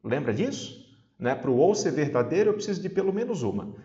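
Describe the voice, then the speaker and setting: This exam-prep teacher, a man with a southern Brazilian accent, speaks briskly in a slightly high, dark-toned voice and is very animated. His informal lesson is talkative and instructive, with frequent checks that everyone is keeping up, recorded with a roomy echo and a somewhat dull sound.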